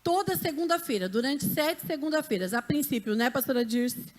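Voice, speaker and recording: A woman's voice: sits high, lively intonation, brisk. A woman pastor, giving church announcements from the pulpit in a fervent, preacherly way that calls out to the congregation. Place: church sanctuary.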